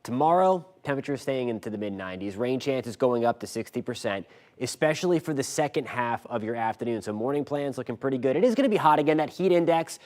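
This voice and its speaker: A man's voice: mid-range voice, animated, fast talker, a little mellow. Folksy American man giving a local forecast. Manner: folksy, informal local news delivery. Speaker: TV weather forecaster. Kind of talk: live local weather forecast, conversational.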